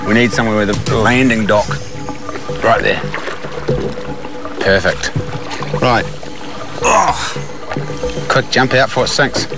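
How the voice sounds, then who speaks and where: A man's voice: fairly low pitch, slow pace, creaky, long pauses, loud music behind the voice. A man with a broad New Zealand accent chatting casually and bluntly in matey slang outdoors. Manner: laid-back, matey, blunt slangy talk. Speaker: survival show adventurer. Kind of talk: casual unscripted chat and on-camera commentary. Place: outdoors on a river and in wetlands.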